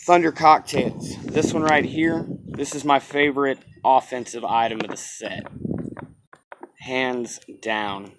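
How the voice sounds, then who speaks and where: A man's voice: mid-range voice, fairly even intonation, slow pace, noisy background. A man reviews a game in a casual, unscripted way, with a mid-range voice. He states his opinions plainly and often repeats a phrase to drive it home. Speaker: game reviewer commenting on new cards. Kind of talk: casual off-the-cuff review commentary.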